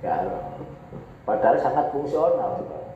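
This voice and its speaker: An unhurried man teaches Arabic in a classroom lecture. He reads text aloud, then explains it with repeated examples. His voice is recorded dull and with a strong echo. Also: medium pitch, big pitch swings, slight background noise. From Indonesia.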